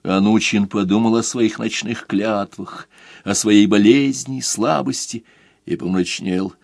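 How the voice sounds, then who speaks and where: A man narrating an audiobook in a measured, expressive way. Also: fairly low pitch, gravelly, no echo, studio quality. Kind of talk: scripted narration.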